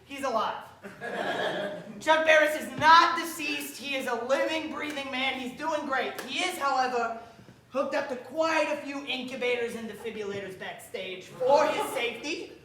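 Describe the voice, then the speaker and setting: A woman playing a brash, sleazy male game show host in a live sketch on a theater stage, loud and rambling and out of breath. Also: sits high, normal speed. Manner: loud, rambling, breaks into laughter. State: winded. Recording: roomy theater sound.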